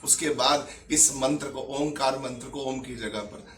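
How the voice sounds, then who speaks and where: A man's voice: medium pitch, fairly even intonation, measured pace, a crowd in the background. A man speaking as a spiritual leader who answers questions at a religious gathering, emphatic and explanatory. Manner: emphatic, preaching, explains terms. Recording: echoey, far from the mic.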